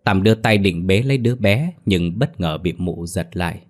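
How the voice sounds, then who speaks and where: A man narrating a scripted ghost story in a steady, dramatic reading. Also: low-pitched, moderate pace.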